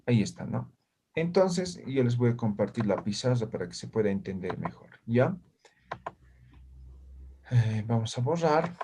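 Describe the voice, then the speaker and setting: A man's voice: medium pitch, big pitch swings, measured pace, pauses often, warm tone, a little hiss or hum. A male language teacher, giving a classroom lesson and checking in with his students after nearly every phrase. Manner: checks in constantly with short questions to students. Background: students answering in the room.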